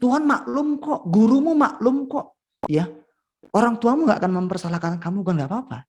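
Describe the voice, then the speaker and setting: A man's voice: very high voice, animated, brisk, a little mellow, pitched above the performer's own voice. A man preaching voices a sly, mocking male devil, first coaxing, then taunting.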